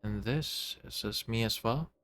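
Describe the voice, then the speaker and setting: A man voicing a vast, childlike alien visitor from a video game, solemn and gently wondering, in short halting phrases. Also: medium pitch, clean tone, close to an everyday voice. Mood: solemn puzzlement. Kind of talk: video game dialogue read aloud.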